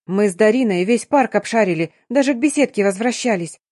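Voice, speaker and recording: A woman's voice: medium pitch, expressive, brisk, a little mellow, no room sound, clean studio sound, close to an everyday voice. A woman voicing a brash, blunt young woman in an audiobook, a friend who takes charge. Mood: brusque.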